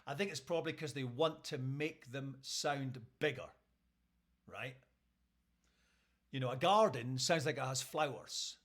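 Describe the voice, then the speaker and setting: A man's voice: mid-range voice, a little slow, pauses often, a bit bright. A Scottish man, a radio host, telling a story casually on a live stream and checking in with his listeners. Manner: chatty, keeps checking in with listeners.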